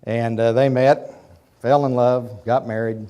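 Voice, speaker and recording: This Oklahoma businessman, in his fifties, is a guest lecturer whose voice is fading from a cold. His folksy talk in a university auditorium wanders conversationally and is full of asides to listeners. The lo-fi recording captures a mid-range, steady voice at a measured pace.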